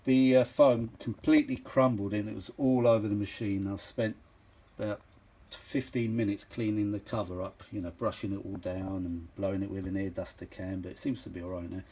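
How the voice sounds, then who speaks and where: Husky and dark, with a steady tone, this man's low-leaning voice moves along fairly quickly. Middle-aged or older, he presents a vintage audio machine in a casual, unscripted show-and-tell, rambling, exclaiming and repeating himself to drive points home.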